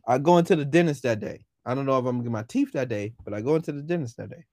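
A man's voice: medium pitch, rapid-fire, a little mellow, dry recording, clean studio sound. A young man with a lisp, co-hosting a casual podcast chat in a laid-back, joking way. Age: young adult. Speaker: podcast co-host.

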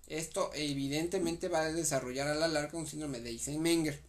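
A man's voice: on the high side, fairly even intonation, brisk. A young man with a Mexican accent, reading medical notes aloud and re-explaining them in casual slang during a study session. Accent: Mexican Spanish. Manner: reads guideline text aloud and re-explains it with slang. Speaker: medical exam study partner.

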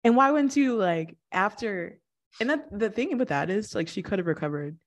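A young woman co-hosting a podcast in casual chat, expressive, laughing often and asking rhetorical questions. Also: mid-range voice, moderate pace. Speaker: podcast co-host.

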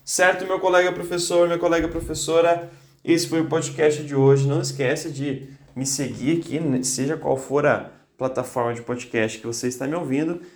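A man's voice: on the high side, fairly even intonation, moderate pace, roomy sound. A man hosting a motivational podcast for teachers, talking insistently and repeating phrases for emphasis, a little congested with a cold. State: slightly congested with a cold, occasional coughs. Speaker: podcast host coaching teachers.

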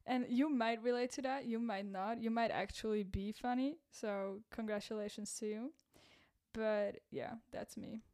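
Woman podcaster, somewhat high voice with cracks, loose rambling self-mocking delivery. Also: steady tone, moderate pace, darkish tone. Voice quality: voice cracks, a bit rough. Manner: rambling, self-deprecating, laughs at own jokes. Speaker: podcast host and content creator. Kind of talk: casual solo podcast chat.

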